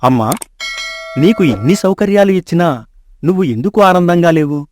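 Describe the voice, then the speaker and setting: A woman's voice: on the low side, animated, normal speed, a little mellow, slight background noise, voice pushed down, close to an everyday voice. A woman voicing a dutiful, courteous royal minister in a storybook tale, speaking politely and deferentially. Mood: concerned.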